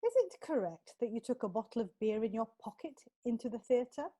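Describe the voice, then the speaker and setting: Brisk, exasperated lawyer, played by a woman, slightly high voice. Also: big pitch swings, mellow. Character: crisp courtroom lawyer, woman.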